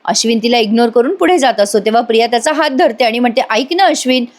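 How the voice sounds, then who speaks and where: A woman's voice: a little high, very fast. A woman giving a casual voice-over review of a TV serial, chatting directly to viewers.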